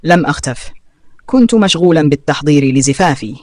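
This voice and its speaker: A young brother who answers his family with cold scorn, curt and dismissive, read by a male storyteller. The voice sits fairly high. It is recorded close and dry, with no room sound. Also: animated, fairly quick, a little mellow, dry recording, close to an everyday voice. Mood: scornful.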